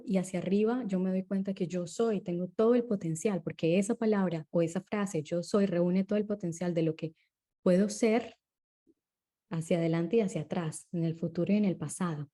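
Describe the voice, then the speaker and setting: A woman speaking as an interview guest, explaining ideas in a calm, unhurried way and often checking in with short tag questions. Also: on the low side.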